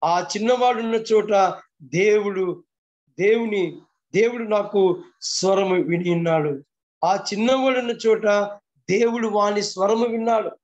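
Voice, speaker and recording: A man with a high-pitched voice delivers a morning devotional sermon, pressing his points through repetition and rhetorical questions. His voice comes through the muffled, lo-fi sound of a video call. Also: measured pace, pauses often, a little mellow. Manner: fervent preaching with repeated phrases and rhetorical questions. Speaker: pastor.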